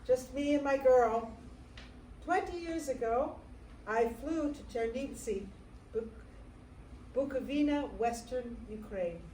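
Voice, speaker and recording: An actress in a staged theatre reading playing a devoted American single mother recalling her adopted daughter, in a tender, measured monologue. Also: sits high, warm tone. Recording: roomy stage sound from far off, faint noise.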